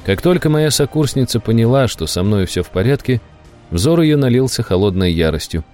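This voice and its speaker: A man narrating a first-person audiobook in a calm, wry, ironic manner. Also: mid-range voice, a little fast, faint music behind.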